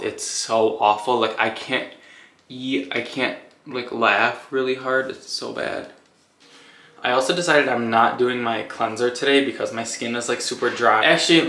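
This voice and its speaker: A young adult man vlogs casually to the camera at home, moving through the bathroom and bedroom and also into a car. His medium-pitched voice has a sharp tone, and he rambles with lots of "like".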